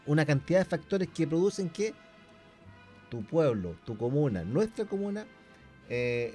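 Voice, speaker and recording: A man's voice: mid-range voice, darkish tone. A Chilean man co-hosting a podcast, explaining his views in casual discussion and laying out points one by one. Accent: Chilean Spanish. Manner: explanatory, lists points steadily. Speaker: podcast co-host.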